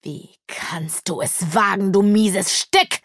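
A woman's voice: fairly low pitch, lively intonation, normal speed, no echo, clean studio sound, natural voice. A woman voicing a haughty, cruel male demon lord who talks down to others with scorn, in an audiobook. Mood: furious. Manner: scornful, condescending.

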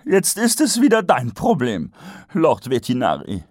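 A man voicing a curt, dismissive male merchant in a raised, high voice. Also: wildly swooping pitch, measured pace, no echo, studio quality.

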